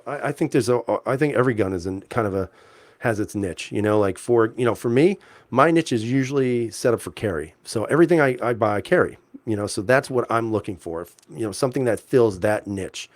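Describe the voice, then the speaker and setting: A man's voice: mid-range voice, a little fast, no room sound. A man hosting a casual livestream, reading viewer comments aloud and answering them in a laid-back, chuckling way with many fillers and restarts. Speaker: livestream host reading chat. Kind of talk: casual live-chat talk.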